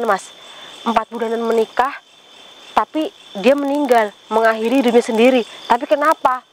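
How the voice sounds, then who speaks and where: A woman's voice: a little high, a little hiss or hum. A woman on a ghost-hunting vlog, asking questions aloud, repeating the answers to viewers and exclaiming pious phrases. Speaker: paranormal vlogger relaying a spirit.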